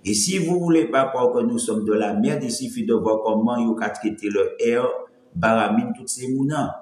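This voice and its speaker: A man's voice: medium pitch, moderate pace, darkish tone. A man from the Antilles, chatting casually on a live stream, his light voice cracking when he pushes it, rambling and greeting viewers one by one. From French Antilles. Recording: roomy echo.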